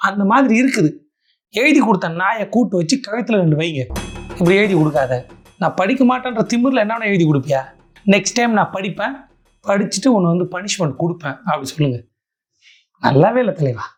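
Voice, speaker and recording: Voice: mid-range voice, expressive, a little fast, breathy edge, faint music behind. A satirical commentator, giving mocking reaction commentary in a sarcastic, theatrical way.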